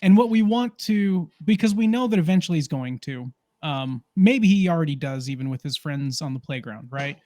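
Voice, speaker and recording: A man's voice: fairly high pitch, expressive, moderate pace, hardly any pauses, mellow, dry recording, studio quality. A man who is a parent, co-hosting a podcast and explaining his view thoughtfully in casual chat. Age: adult parent. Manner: thoughtful, explains with many fillers and restarts.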